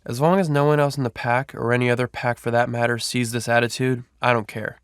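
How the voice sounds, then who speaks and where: A man's voice: mid-range voice, level tone, brisk, smooth, dry recording, clean studio sound, close to an everyday voice. A man playing a cold, condescending alpha werewolf. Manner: cold and dismissive. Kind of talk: audio drama acting.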